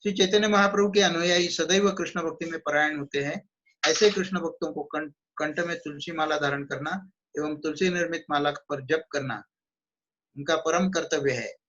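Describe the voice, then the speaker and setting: A man reading a devotional book aloud and explaining it in his own words, with slow recited verses and small restarts. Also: on the high side, a bit bright, lo-fi sound. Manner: chants Sanskrit verses in a slow measured recitation. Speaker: devotional book reader and teacher.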